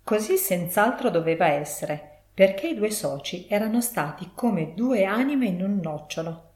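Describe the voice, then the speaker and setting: A woman with a fairly low voice narrates a classic story in a steady, literary manner. Her reading sits in a roomy, echoing space. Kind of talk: scripted audiobook narration. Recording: roomy echo.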